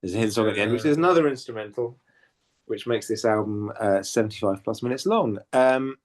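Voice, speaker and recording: Male podcast host, slightly low voice, halting and full of ums, casual chat. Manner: hesitant, lots of ums and self-corrections.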